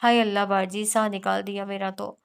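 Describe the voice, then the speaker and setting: A woman's voice: medium pitch, fairly even intonation, moderate pace, smooth, lightly acted. A woman narrator voicing a chatty, cheeky household maid of about thirty.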